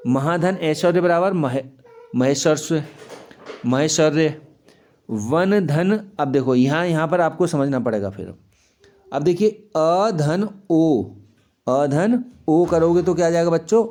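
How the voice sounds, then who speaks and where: A man teaching a grammar lesson to children, patiently asking questions and answering them himself, and repeating the examples slowly. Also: on the high side, expressive, a little mellow. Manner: repeats examples slowly, stretching key sounds.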